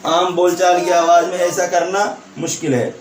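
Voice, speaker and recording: A man's voice: high-pitched, steady tone, slight background noise. Man teaching, echoey distant recording. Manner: repeats each point as a question and answers it; checks understanding with a tag question. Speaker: Urdu teacher. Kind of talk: online exam-prep lecture.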